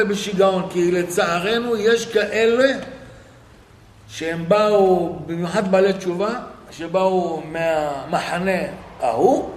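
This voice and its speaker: Male preacher, high voice, lively storytelling sermon, faint noise and hall reverb. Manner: animated storytelling, acting out quoted dialogue. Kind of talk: sermon with retold stories.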